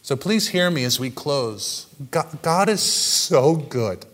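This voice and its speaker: Brief: male pastor, high voice, unhurried sermon, animated storyteller. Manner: animated storytelling, swings from loud to hushed.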